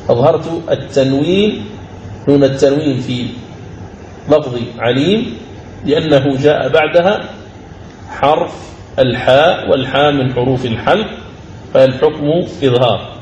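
A man teaching the rules of Quran recitation in a recorded lecture. He explains each rule step by step, repeats key phrases, and slows into a chanted recitation for each example verse. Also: mid-range voice, darkish tone, lo-fi sound. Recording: roomy recording with faint ambient noise.

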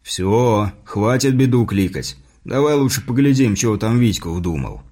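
A man voicing a stern middle-aged father and war veteran in an audiobook, speaking low and curt. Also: expressive, moderate pace, a little mellow. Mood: gruff.

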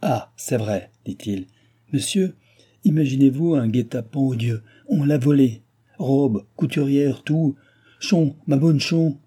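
A man's voice: medium pitch, moderate pace, warm tone, breathy edge, lightly acted. A man reading aloud who voices a blustering middle-aged nobleman speaking in emphatic declarations. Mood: indignant.

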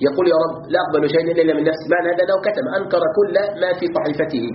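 A man's voice: on the high side, steady tone, rapid-fire. A man teaching a lesson on Quran commentary. He often asks his students questions and repeats words to drill them. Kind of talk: classroom lesson. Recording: roomy, slightly dull recording with faint background noise.

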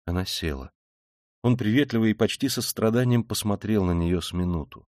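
A male audiobook narrator with a low voice, reading a classic novel in a measured, even manner. The sound is dry and close, with no room around it. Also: dry recording. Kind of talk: scripted literary narration.

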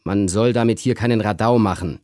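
A man voicing an irritable, pompous older gentleman who blusters at his household in a literary reading. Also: lowish voice, fairly quick, no echo, clean studio sound, close to an everyday voice. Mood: blustering. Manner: gruff and blustering.

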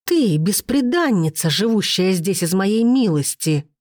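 A woman voicing a cruel, haughty noble stepmother who speaks with venom and turns shrill. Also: big pitch swings, measured pace, a little mellow, dry recording, clean studio sound. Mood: furious.

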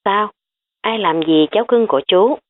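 A woman voicing an easygoing middle-aged uncle who teases in a relaxed, joking way. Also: mid-range voice, moderate pace, voice pushed up, natural voice. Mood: teasing. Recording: tinny phone-like audio.

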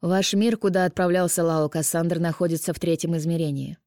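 A woman's voice: fairly low pitch, fairly even intonation, brisk, darkish tone, no echo, clean studio sound, lightly acted. A woman reading an audiobook voices a stern male healer who grumbles and insists firmly. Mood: explaining. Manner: firm, grumbling.

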